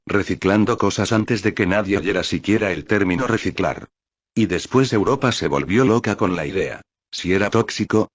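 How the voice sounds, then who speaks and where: A man voicing a calm, folksy old Yorkshire man. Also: lowish voice, dry recording, lightly acted. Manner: calm, folksy, calls others lad. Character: veteran Yorkshire man, rich, philosophical, pipe-smoking.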